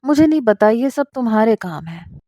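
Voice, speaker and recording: A woman's voice: fairly high pitch, big pitch swings, dark tone, dry recording, studio quality. A woman voicing a teasing young husband. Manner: bantering, mock-complaining.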